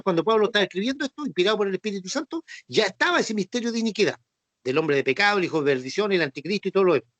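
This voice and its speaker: A man's voice: sits high, fairly bright tone, no room sound. Patient Chilean man teaching a Bible class. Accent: Chilean Spanish. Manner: patient and repetitive, with frequent "¿no es cierto?" and "ya" checks. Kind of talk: Bible class explanation with quiz questions.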